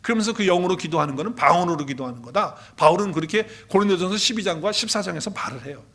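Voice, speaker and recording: A male pastor with a high voice delivers a Sunday sermon in a church sanctuary. He talks emphatically, repeating key phrases and asking the congregation questions. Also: lively intonation, very fast, fairly bright tone.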